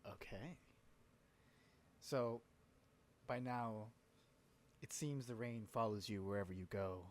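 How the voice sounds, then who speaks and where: A man's voice: on the low side, slow pace. A man running a tabletop game as game master, narrating with frequent fillers. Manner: relaxed, hesitant, many fillers.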